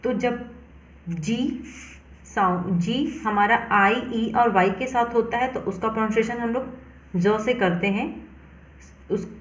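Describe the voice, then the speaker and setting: A woman teacher walks through pronunciation rules at a measured pace, stopping to spell each word out letter by letter. Her voice sits a little high. The room around her gives it a noticeable echo. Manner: slow, deliberate, spells words out letter by letter. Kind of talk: explanatory lesson.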